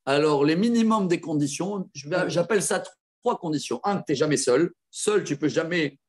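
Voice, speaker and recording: A rabbi teaching a group with real enthusiasm, his fairly high voice bright with praise. He moves quickly between rulings and side remarks, checking in with his students as he goes. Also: expressive. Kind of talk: lively halakha lesson with students.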